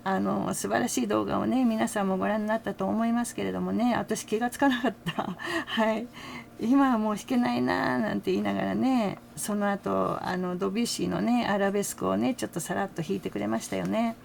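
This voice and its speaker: A woman's voice: mid-range voice, fairly even intonation, fairly quick, creaky, darkish tone, a little hiss or hum. An older woman hosting a fan channel, chatting casually with frequent little laughs and tag words. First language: Japanese. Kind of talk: casual commentary to camera.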